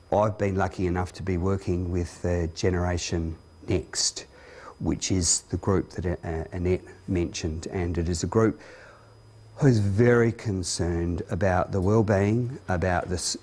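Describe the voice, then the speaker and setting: Husky low-voiced man presenting. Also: darkish tone. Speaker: parenting workshop presenter. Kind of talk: workshop talk to an audience.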